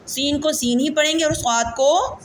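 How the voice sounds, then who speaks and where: A woman with a Pakistani Urdu accent teaching Quran reading, drilling letters slowly and patiently asking her students to repeat after her. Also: high voice, background noise.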